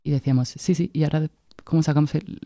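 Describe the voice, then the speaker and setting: Gravelly, animated woman. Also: low-pitched, fast. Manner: animated, acts out quoted dialogue. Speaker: yoga teacher, co-host. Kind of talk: casual conversational storytelling.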